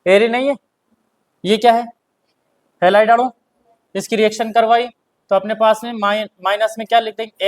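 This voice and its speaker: A male chemistry teacher with a Hindi accent, lecturing and dictating notes. He keeps asking the class questions and answering them himself, and he repeats key terms slowly. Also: high-pitched.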